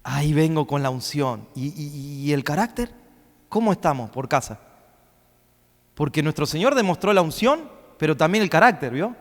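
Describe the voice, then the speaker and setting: A man preaching a sermon as pastor, swinging between loud, rising questions and quick asides. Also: on the high side, big pitch swings. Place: church hall. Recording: long reverb of a church hall.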